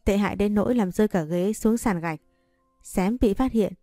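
A woman's voice: mid-range voice, normal speed, warm tone, dry recording, soft background music, lightly acted. A woman reading the lines of a cool young male chairman who teases his wife dryly in an audiobook. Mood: teasing. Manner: dry, mocking.

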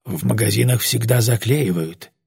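A timid older gentleman, read by a man, speaks haltingly and quietly. His voice wavers and is gravelly and husky. It sounds dry and close. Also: lowish voice, no echo, exaggerated voice. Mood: anxious. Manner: hesitant, faltering.

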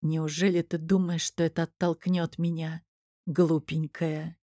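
A woman voicing a tender, protective husband, speaking softly and a little lower than her own voice. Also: a little slow, no room sound, studio quality. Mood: tender soothing. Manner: soft, lowered, cooing.

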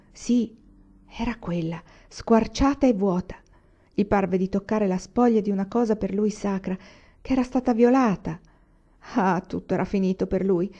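Woman, audiobook narrator, expressive, mellow tone, dull lo-fi sound. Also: medium pitch. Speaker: audiobook reader. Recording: dull lo-fi recording.

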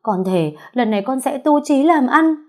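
A woman's voice: expressive, moderate pace, a little mellow. Woman voicing a desperate pleading mother. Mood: tearful pleading. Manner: pleading, tearful, high-pitched. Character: desperate middle-aged mother, gambler, begging and sobbing. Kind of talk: audiobook storytelling.

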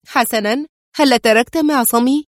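A woman's voice: fairly high pitch, moderate pace, no room sound, clean studio sound, pitched above the performer's own voice, close to an everyday voice. A woman voicing a fiery young woman who exclaims in indignation in an audiobook. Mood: indignant. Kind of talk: audiobook character reading.

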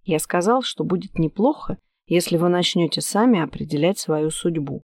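A woman reading an audiobook voices a calm, probing middle-aged male detective who speaks in a measured, cool way. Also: fairly low pitch, dry recording, studio quality.

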